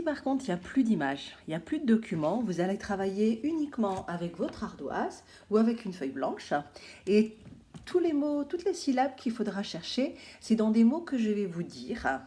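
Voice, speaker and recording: A woman from France giving a phonics lesson to young children, speaking slowly and clearly and repeating each word. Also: mid-range voice, dark tone. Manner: slow, clear, repeats words syllable by syllable. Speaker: primary school teacher.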